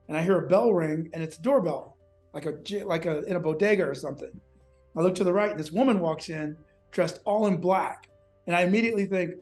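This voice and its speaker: A man telling a personal story in an interview, animated and casual, swearing and acting out what people said. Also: sits high. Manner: animated, acts out quotes, casual and profane.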